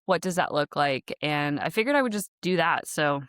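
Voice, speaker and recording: Recorded dry and clean in an office podcast studio, this woman's low, somewhat bright voice is animated and moves at a normal pace. She is a podcast host and startup founder, a native Dutch speaker raised in the US, and her casual solo monologue rambles with fillers and light laughter.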